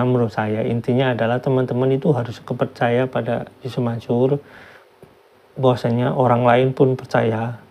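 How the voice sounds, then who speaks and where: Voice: mid-range voice, vocal fry, dark tone. A channel host giving casual, chatty commentary with laughing asides. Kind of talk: video commentary. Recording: dull lo-fi sound.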